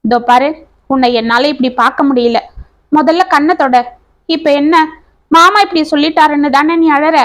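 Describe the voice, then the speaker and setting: A determined young man, read by a woman talks earnestly and reassuringly to the one he loves. The voice is high and bright in this storybook reading. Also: fairly even intonation, normal speed.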